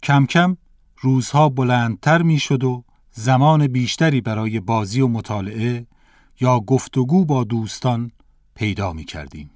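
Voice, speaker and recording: A man narrating a textbook lesson story in a measured, careful reading voice. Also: medium pitch, animated, a little mellow, no echo, studio quality.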